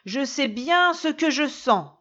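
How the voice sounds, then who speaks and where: Lady doing a big hungry giant, slow roaring growl, muffled lo-fi sound. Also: high-pitched, lively intonation, fairly bright tone, voice pushed up, exaggerated voice. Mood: menacing. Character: huge hungry man-eating male giant.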